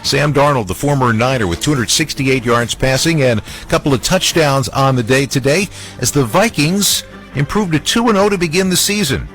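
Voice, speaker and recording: A man hosting a sports radio highlight show, narrating recaps emphatically. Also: expressive, moderate pace, a bit bright, poor audio. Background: music bed.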